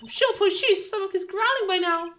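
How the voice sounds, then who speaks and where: A woman doing a squealing, excitable young sidekick. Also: fairly quick, a little hiss or hum. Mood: urgent. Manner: loud, high and excitable.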